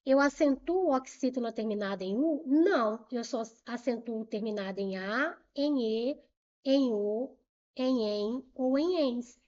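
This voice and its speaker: A woman's voice: a little high, measured pace, darkish tone, dull audio. A woman with a Brazilian Portuguese accent teaching a grammar lesson for exam prep, patiently repeating rules and asking and answering her own questions.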